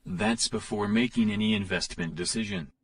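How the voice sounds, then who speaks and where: A man voicing a deadpan male translator who gives flat, literal translations, recorded on a distant mic. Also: mid-range voice, normal speed, creaky, full character voice.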